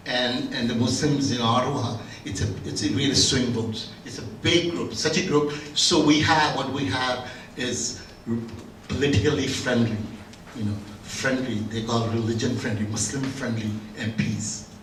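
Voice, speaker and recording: Older male conference speaker, anecdotal and halting, in an echoey room with faint background hum. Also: mid-range voice, fairly even intonation, fairly bright tone. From Bangladesh. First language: Bengali. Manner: conversational, anecdotal, with many restarts. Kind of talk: academic conference talk. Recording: roomy room, distant mic, faint ambience.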